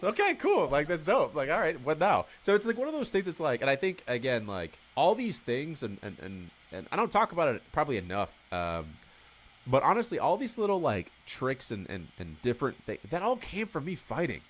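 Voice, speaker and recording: A man's voice: medium pitch, wildly swooping pitch, a little fast. A man as a podcast guest, talking candidly and swearing freely, telling stories with acted-out dialogue in casual conversation.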